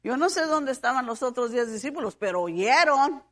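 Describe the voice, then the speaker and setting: A woman delivers a fervent sermon in a high, bright voice. She stretches out key words and rises into shouted praise, then drops back to a conversational preaching tone. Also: expressive, moderate pace. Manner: fervent, breaks into hallelujahs and shouted phrases.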